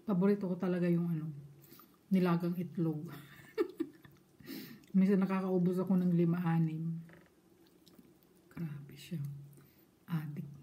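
A woman's voice: fairly low pitch, fairly even intonation, measured pace, long pauses, warm tone. A woman from the Philippines, a mother, chatting casually and laughing easily while chewing during a mukbang vlog.

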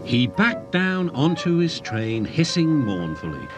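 A male narrator reads a children's story in a gentle, storytelling way. His voice sits a bit high and rises and falls with great liveliness, and music plays beneath him. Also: very animated, slow pace.

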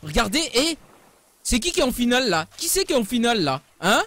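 Loud, excitable young male streamer. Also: extremely high pitch, quick pace. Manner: loud, joking, swearing often, talks to chat. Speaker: gaming streamer. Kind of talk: excited live gameplay commentary.

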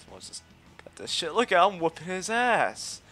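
A man's voice: sits high, normal speed, faint music behind. Cocky, cursing man gaming. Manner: excitable, swears often, yelps at mishaps; cocky trash talk. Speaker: let's play host. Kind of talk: live gameplay commentary.

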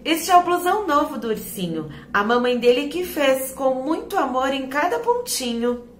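A woman voicing a kind, sensible little mole friend with a gentle, reassuring manner. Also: sits high, very animated, normal speed, roomy sound. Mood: worried.

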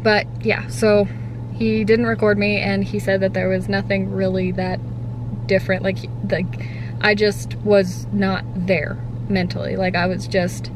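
A woman's voice: mid-range voice, level tone. Girl in her 20s vlogging in her car after wisdom teeth out, puffy cheeks, rambly, hum behind her. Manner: halting, filler-heavy, trailing off. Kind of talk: casual rambling vlog to camera. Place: inside a parked car. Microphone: camera or phone at arm's length on the dashboard. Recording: car interior with clear background hum.

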